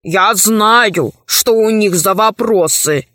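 A fat, lazy fairy-tale king who drawls and grumbles, as a woman reads him aloud. His slow voice is pitched lower than the narration, close and dry. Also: a bit bright, no room sound. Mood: grumbling.

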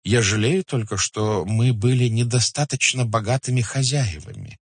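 A man's voice: mid-range voice, normal speed, husky, no room sound, pitched above the performer's own voice. A man voicing an obsequious older merchant elder who speaks in a flowery, deferential, pleading way, read as an audiobook character. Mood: servile.

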